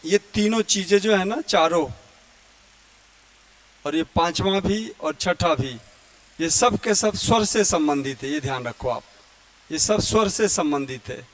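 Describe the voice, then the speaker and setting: A man teaching Hindi grammar in a lecture, who often clears his throat and sings out vowels to show how they sound. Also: high-pitched, expressive. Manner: explains slowly, chants vowels and Sanskrit verse to demonstrate. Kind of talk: classroom lecture.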